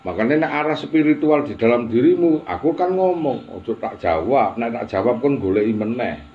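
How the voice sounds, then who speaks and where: A man's voice: mid-range voice, animated, moderate pace, highs cut off, slight background noise. A man giving an informal religious talk, chatty, with teasing asides. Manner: chatty, mixing Javanese and Indonesian, teasing asides. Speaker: religious teacher.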